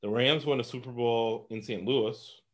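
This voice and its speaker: A man's voice: mid-range voice, steady tone, moderate pace. A man from Los Angeles giving casual sports betting picks, rambling and laughing often.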